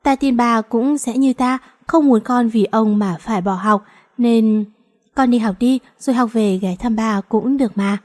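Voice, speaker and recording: A woman reading as a gentle, grieving mother coaxing her daughter in a soft voice. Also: on the high side, a little slow. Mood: soothing.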